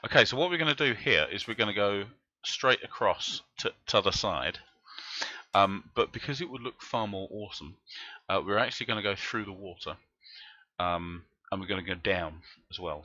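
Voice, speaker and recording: A deep-voiced man rambles through live commentary as he plays, chatting to his viewers while he works. His tone is bright and forceful, and he thinks aloud in loose, wandering sentences. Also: highs cut off. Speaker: game streamer.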